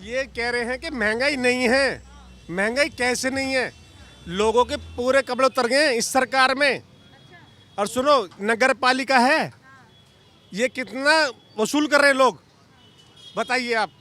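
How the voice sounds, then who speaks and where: An angry young man, a mechanic, complains loudly in a street interview and lists rising prices one after another. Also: very high voice, unhurried, pauses often. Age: young adult. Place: outdoors on a busy street.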